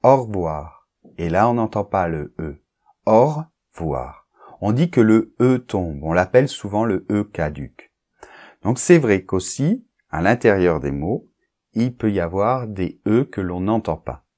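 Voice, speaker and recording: A man's voice: on the low side, expressive, measured pace, a little mellow. A man teaching pronunciation in a recorded lesson, explaining patiently and modeling example phrases with exaggerated rises and falls, often checking in with the listener. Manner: checks understanding with frequent "d'accord?". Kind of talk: recorded lesson addressing the learner.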